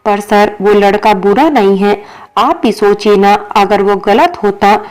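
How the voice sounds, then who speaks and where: A woman's voice: medium pitch, a little slow, darkish tone, lightly acted, rough recording. A woman voicing a playful, sulking young female employee in a storybook reading, with a childlike, insistent manner.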